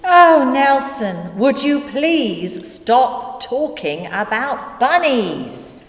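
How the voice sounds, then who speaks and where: A woman playing slow, lively Shirley Holmes. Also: mid-range voice. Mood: exasperated. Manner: explaining, slow and deliberate. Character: brisk female detective, patient storyteller. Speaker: actor in church children's video. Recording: echoey hall with long reverb.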